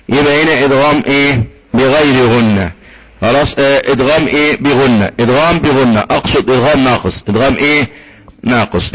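A man with an Egyptian accent teaching tajweed. He often asks a question and answers it himself, and he recites slowly when he gives an example. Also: mid-range voice, a bit bright, breathy edge, lo-fi sound. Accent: Egyptian Arabic.

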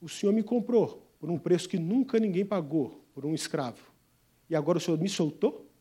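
A man voicing a freed enslaved woman who pleads softly and humbly in a sermon story. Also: a little high, brisk, slightly rough. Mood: humble pleading.

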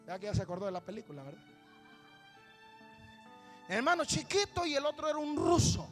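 A male preacher telling a story in a sermon, rising to shouted exhortation and calling his listeners brother. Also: extremely high pitch, big pitch swings, fairly quick, soft background music. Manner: calls listeners "hermano" constantly. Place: church.

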